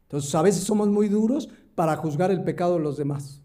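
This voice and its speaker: A man's voice: sits high, fairly quick, dark tone. A male pastor preaching a sermon, emphatic, rising and dropping his voice for stress and acting out quoted speech. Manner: acts out quoted voices in the parable.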